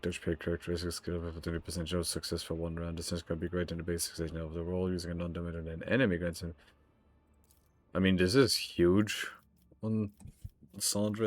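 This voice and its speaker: A man's voice: low voice, a little mellow. A man giving casual let's play commentary on a video game, stammering and repeating himself as he thinks aloud. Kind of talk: casual playthrough commentary with text read aloud.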